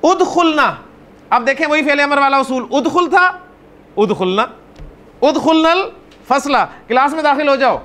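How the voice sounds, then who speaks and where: High-voiced man teaching Arabic grammar. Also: fairly bright tone. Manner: explains patiently, calls on students by name; repeats words slowly, drawing them out. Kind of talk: classroom grammar lesson.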